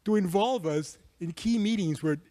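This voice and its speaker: Here the Peruvian network chair's high voice carries a dark tone, with no room sound in the recording. He delivers earnest, measured panel remarks in a conference hall, peppered with "um" fillers.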